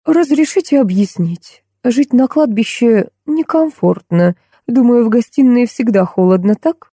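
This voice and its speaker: A woman reading an audiobook voices a calm, composed female interior designer. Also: a little high, breathy edge, no room sound, studio quality, pitched above the performer's own voice, exaggerated voice. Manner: calm, measured.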